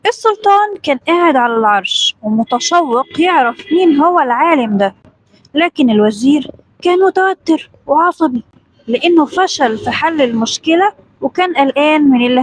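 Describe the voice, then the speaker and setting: Egyptian lady narrating a kids story, lively, talks fast. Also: sits high, slight background noise, poor audio. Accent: Egyptian Arabic. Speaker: storyteller, parenting channel host.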